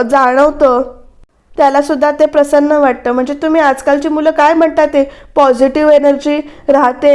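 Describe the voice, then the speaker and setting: Woman reviewer narrating an episode recap, high voice, little rise and fall, chatty retelling of scenes. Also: a little mellow. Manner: retells scenes, quoting characters' lines in a conversational way. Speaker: TV serial reviewer.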